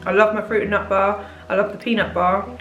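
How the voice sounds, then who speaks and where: A woman's voice: mid-range voice, little pitch movement, brisk, a bit bright, echoey room, muffled recording, faint music behind. A British woman in her thirties chatting candidly in a casual food vlog from her home kitchen, laughing easily as she talks. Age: 30s. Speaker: diet plan consultant and vlogger.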